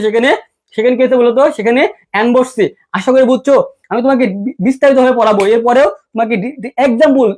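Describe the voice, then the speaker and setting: A young man's voice, sitting very high for a male speaker, running through an English grammar lesson at a brisk clip. He fires the same question again and again and answers it himself. He calls the student brother the whole way through. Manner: addresses the viewer as brother. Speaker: English tutor. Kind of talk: online exam-prep lesson.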